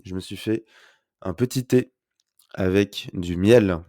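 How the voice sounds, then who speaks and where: A young man hosts a casual solo podcast from home, speaking through a blocked nose and sore throat yet staying chatty, upbeat, and full of fillers. His voice is low and dark at a slow pace, recorded dry with studio quality on a close podcast mic.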